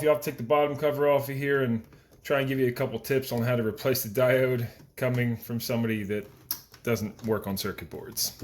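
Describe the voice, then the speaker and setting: In a hands-on repair tutorial, a male host explains how to do the job in a casual, plainspoken, informal way. His voice is mid-range with a darkish tone.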